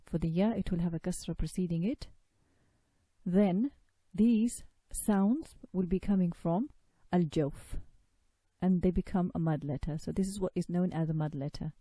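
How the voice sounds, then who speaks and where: A woman's voice: lowish voice, normal speed, mellow, breathy edge, no room sound. A woman giving a recorded lesson on pronouncing sacred recitation, patiently explaining and demonstrating sounds by drawing out long vowels. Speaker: tajweed teacher.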